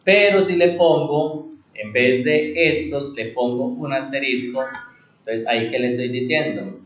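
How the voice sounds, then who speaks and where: A male instructor teaching a computer class, asking rhetorical questions and answering them himself, repeating key words and slowing down on them for emphasis. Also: medium pitch, reverberant, poor audio.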